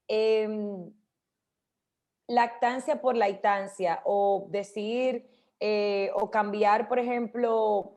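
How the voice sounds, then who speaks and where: A woman on a radio show, chatting and explaining how to pronounce hard words, slowing down to demonstrate. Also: medium pitch, a little mellow. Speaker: radio host. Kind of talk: casual radio talk about speech.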